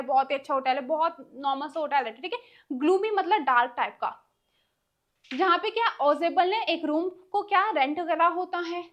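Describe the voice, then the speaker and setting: High-pitched female tutor explaining a textbook story in a Hindi-English mix, reading slowly and glossing casually. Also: fairly bright tone, highs cut off. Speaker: English teacher.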